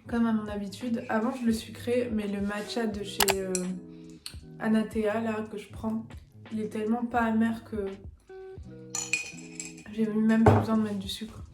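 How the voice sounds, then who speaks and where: A woman's voice: a little high, little pitch movement, unhurried, pauses often. A young woman chatting casually at home in a vlog, upbeat and full of fillers. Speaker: vlogger. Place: home rooms, indoors. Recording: loud background music.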